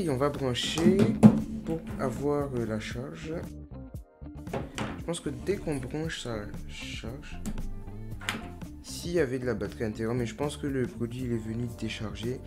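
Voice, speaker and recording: A young YouTuber talks through a casual unboxing vlog, musing aloud at a relaxed, middle pitch. His delivery is slangy and self-mocking. Clear background music plays under his voice the entire time.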